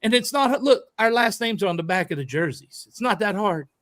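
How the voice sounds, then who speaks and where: A man co-hosting a podcast, telling a story in a lively, emphatic way and acting out a heated argument. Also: high voice, brisk, no echo. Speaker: podcast co-host and youth baseball coach. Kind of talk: animated storytelling in casual chat.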